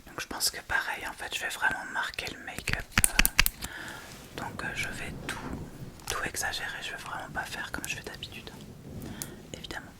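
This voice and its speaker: Whispering gently with plenty of breath, an ASMR creator explains a casual tutorial step by step at normal speed, close to the mic and in no hurry.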